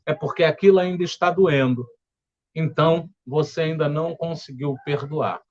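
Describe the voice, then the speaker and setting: A man with a Brazilian Portuguese accent leading a spiritual study group, speaking in a calm, gentle, explanatory way. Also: a little high, moderate pace, lo-fi sound. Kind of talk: reflective spiritual study talk. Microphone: home setup with earphones.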